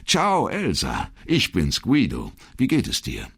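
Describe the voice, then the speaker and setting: A man voicing a middle-aged police commissioner who speaks in a hurried, uneasy and halting way. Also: fairly low pitch, wildly swooping pitch, creaky, a bit bright, breathy edge, pitched above the performer's own voice, heavily acted. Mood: tense.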